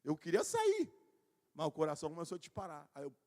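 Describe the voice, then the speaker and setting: A male pastor with a rather high voice, preaching live to his church. He tells his stories conversationally, addressing people by name, and pushes into shouted emphasis at key points. His voice rings with the long reverb of a church hall. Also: wildly swooping pitch, fast. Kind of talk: live church sermon, personal storytelling.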